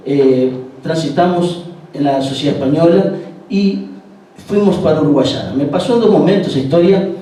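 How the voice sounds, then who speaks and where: A man's voice: a little high, mellow. A man telling anecdotes to an audience at a tango event, with many hesitations, heard from a distance. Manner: anecdotal, acts out quoted dialogue, many hesitations. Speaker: guest speaker at a tango event. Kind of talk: storytelling talk to an audience. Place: event hall. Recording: distant, very echoey hall, faint background noise.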